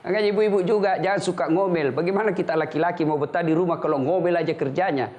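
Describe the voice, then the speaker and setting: A male Islamic preacher delivers a sermon on a TV show in a lively, joking way, mixing humorous stories into his teaching. His voice sits fairly high for a man. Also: quick pace. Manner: lively, joking, often laughs while preaching.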